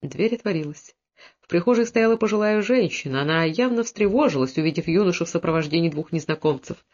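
A man reading a historical novel aloud in steady storytelling narration, dropping his voice lower for the characters' lines. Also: quick pace, highs cut off. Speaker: audiobook narrator. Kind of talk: scripted narration.

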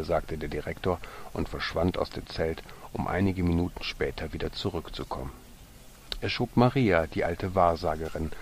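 A man reading a storybook aloud with gentle narration that sometimes drops to a soft whisper. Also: sits low, a little hiss or hum.

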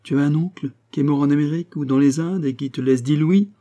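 A man reading an audiobook voices a scornful, sharp-tongued young mother, mocking and quick to anger. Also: on the high side, pitched above the performer's own voice, natural voice. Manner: mocking, exasperated.

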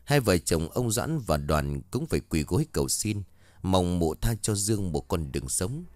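A man's voice: sits low, big pitch swings, moderate pace, a little mellow, no echo, studio quality. A man narrating a horror story from a script, reading every character's lines himself.

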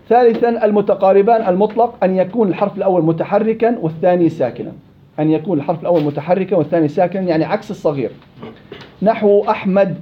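A man teaching a classroom tajweed lesson, quizzing his students with quick questions. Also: sits high, slightly rough. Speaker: Quran recitation teacher. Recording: dull lo-fi classroom recording.

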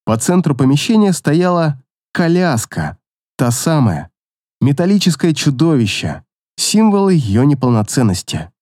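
A man narrating a fantasy audiobook in a dramatic, expressive reading. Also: a little high, a little slow, no room sound, clean studio sound.

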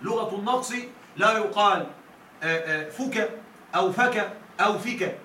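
Man, grammar teacher, high bright voice, checks the class often, distant echoey room recording. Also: a little hiss or hum. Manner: repeatedly checks students follow, quotes verses with stretched slow emphasis. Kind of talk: classroom lesson.

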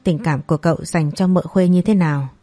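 A woman voicing a calm, thoughtful middle-aged brother-in-law who gives measured advice. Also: on the low side, dry recording, faint music behind, natural voice.

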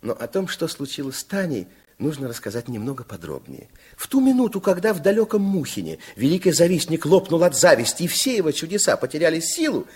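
An actor with a fairly high, slightly rough male voice takes the role of an expressive, kindly storyteller, theatrically narrating a 1960s fairytale radio play for children.

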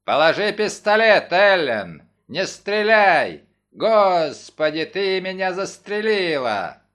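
Man squawking as a loud guttural parrot. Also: fairly even intonation, takes it slowly, smooth. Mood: shrieking. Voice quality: low guttural. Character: talking parrot, guttural, accusing shrieks.

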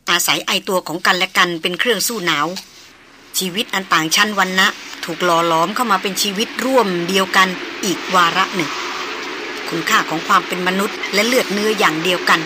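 A woman narrating a novel as an audiobook in an even, measured storytelling manner. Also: mid-range voice, noisy background.

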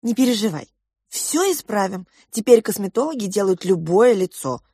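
A woman voicing a firm, protective mother who talks in a sharp, scolding way. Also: mid-range voice, expressive, normal speed, breathy edge, no room sound, clean studio sound.

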